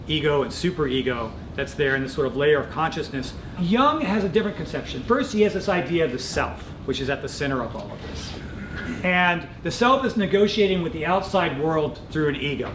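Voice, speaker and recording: Higher-voiced male professor lecturing in echoey room. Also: fairly bright tone. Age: middle-aged. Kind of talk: lecture, explanatory teaching. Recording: echoey room with clear rumbling noise.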